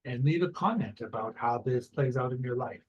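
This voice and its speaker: A man's voice: mid-range voice, moderate pace, a little mellow, breathy edge, muffled recording. A middle-aged man giving a tarot reading for a star sign in casual, conversational talk, often tagging his phrases with "right?". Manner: conversational, keeps adding "right?" after phrases. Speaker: tarot reader.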